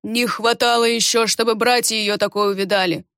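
A woman voicing a calm, grave male guard who speaks in a measured, thoughtful way. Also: on the high side, smooth, dry recording, studio quality.

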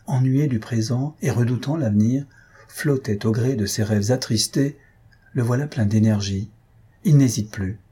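A man reading a French short story aloud as narrator, measured and dramatic, lifting his voice for the characters' shouts. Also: mid-range voice, slightly rough. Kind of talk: scripted audiobook reading.

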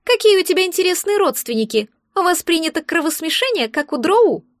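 A woman's voice: very high-pitched, sing-song, fairly quick, no room sound, clean studio sound, pitched above the performer's own voice. A woman voicing a sarcastic, nosy talking egg creature in a fantasy audiobook. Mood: mocking. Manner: sarcastic, needling.

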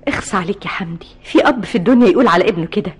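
A woman's voice: medium pitch, animated, very fast, breathy edge. A worried Egyptian mother. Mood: anxious, pleading. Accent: Egyptian Arabic. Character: worried mother pleading for her son. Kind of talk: radio drama acting.

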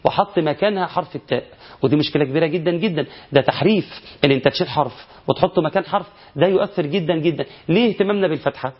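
Egyptian male recitation teacher, rapid explanations broken up by slow chanted verses, muffled lo-fi recording. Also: fairly high pitch, breathy edge. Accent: Egyptian Arabic. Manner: explains errors, then chants verses slowly. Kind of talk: recitation lesson. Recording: dull lo-fi recording.

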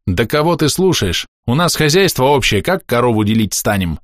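A man's voice: mid-range voice, very animated, moderate pace, dry recording, pitched above the performer's own voice. Man voicing a griping peasant older brother, sarcastic, somewhat raised voice, dry close sound. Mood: indignant. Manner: grumbling, sarcastic.

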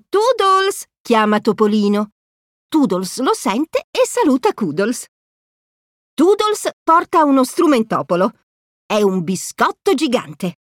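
A woman narrating a children's storybook with an expressive, sing-song delivery. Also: fairly high pitch, no echo, studio quality. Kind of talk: storybook read-aloud.

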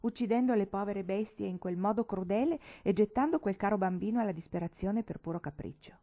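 A woman's voice: medium pitch, fairly quick, mellow, close to an everyday voice. A woman voicing a cold, haughty lady. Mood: cold disdain. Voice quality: cool, clipped, acid. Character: cold haughty well-off mother, disdainful. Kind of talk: audiobook reading.

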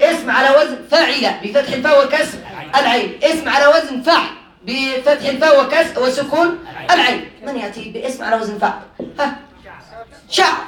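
High-voiced man teaching, roomy far mic. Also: fairly bright tone. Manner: quizzes students and repeats their answers, often laughing. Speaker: religious teacher. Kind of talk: classroom grammar lesson. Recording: roomy sound from a distant mic.

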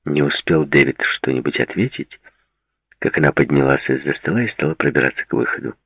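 Deep gravelly guy reading an audiobook, lots of melody, dry dull recording. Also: lively intonation, fairly quick, no echo. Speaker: audiobook narrator. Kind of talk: scripted narration.

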